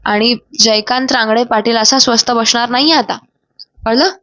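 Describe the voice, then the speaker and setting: A woman's voice: a little high, fairly even intonation, normal speed, no room sound, clean studio sound. A woman voicing a threatening village strongman. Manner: threatening, shouting. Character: menacing village strongman, hot-tempered man.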